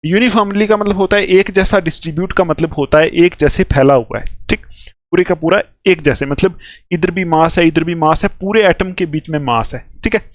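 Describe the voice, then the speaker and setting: High-voiced male chemistry teacher, dry sound. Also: a little fast, no echo. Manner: explains step by step, checks in with "theek hai" after nearly every phrase. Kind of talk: classroom lecture at a whiteboard.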